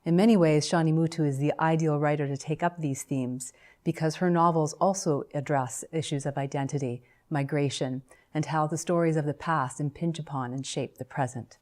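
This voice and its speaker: A woman with a low-pitched voice opens an academic interview. She reads titles and names in a formal, measured way. Then she asks her guest questions with steady care. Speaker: interviewer, professor.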